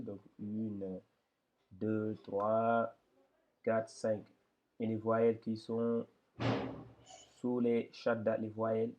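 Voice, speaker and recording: A man teaching a step-by-step reading lesson, patiently explaining and drawing out syllables slowly and loudly for students to repeat. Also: lowish voice. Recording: dull lo-fi recording.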